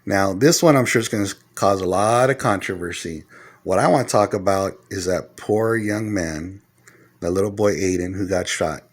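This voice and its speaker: A middle-aged man talking casually to the camera, giving earnest advice point by point and growing loud and heated as he retells arguments. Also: low-pitched, moderate pace. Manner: earnest, lecturing, numbers his points. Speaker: vlogger giving life advice.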